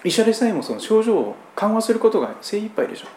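A man from Japan, a pastor preaching a sermon in a conversational style with strong emphasis. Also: fast. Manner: conversational preaching with lively, pitch-swinging emphasis. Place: church sanctuary. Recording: roomy church hall echo, faint background hum.

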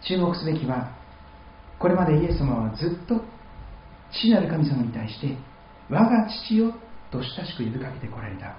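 A man's voice: medium pitch, lively intonation, a little fast, reverberant, muffled recording, slight background noise. A man preaching a sermon as pastor, reading scripture and acting out quoted speech with feeling. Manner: dramatic voicing of quoted speech. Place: church hall.

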